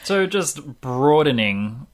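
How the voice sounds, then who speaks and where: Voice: medium pitch, very animated, takes it slowly. A podcast host with an Australian accent, chatting casually and playfully with a co-host. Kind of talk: casual co-hosted chat.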